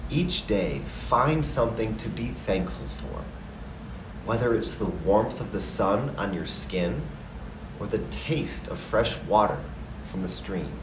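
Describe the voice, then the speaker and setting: Man voicing a calm, gentle, wise male elder, very slow. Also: lowish voice, reverberant, recorded from a distance, noisy background. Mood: calm, instructive.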